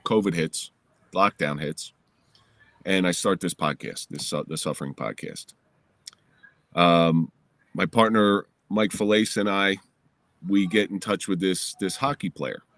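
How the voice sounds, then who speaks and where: A middle-aged man from New Jersey, a podcast guest telling a personal story in a candid, lively way, recorded in his home basement. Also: low-pitched, unhurried, pauses often, no echo.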